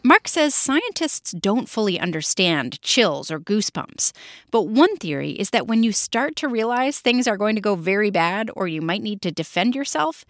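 A woman hosting a kids' science podcast, reading scripted narration in a clear, expressive way. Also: mid-range voice, no room sound, studio quality. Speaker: podcast host.

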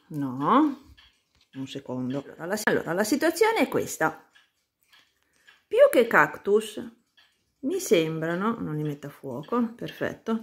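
A woman vlogging casually about her seedlings, pausing often to search for words as she films with a handheld phone. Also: lowish voice, husky. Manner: hesitant, searches for words, many fillers. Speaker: plant vlogger. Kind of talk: casual how-to chat.

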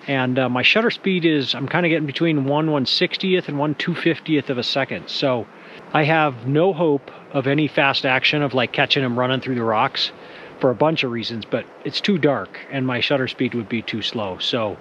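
A wildlife photographer chatting casually in a vlog, relaxed and self-deprecating, out in a rocky field at dusk. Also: male voice, mid-range voice, normal speed, muffled recording, slight background noise.

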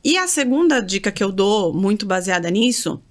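A woman talking in a casual podcast conversation, giving brisk, emphatic advice on speaking and recording. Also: medium pitch, very animated. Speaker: communication mentor, podcast guest.

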